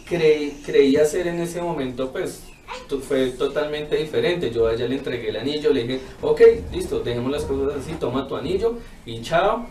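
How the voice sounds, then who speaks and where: A man giving a personal testimony, telling his story in a reflective, halting way. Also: a little high, darkish tone. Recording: echoey room, mic far off, faint noise.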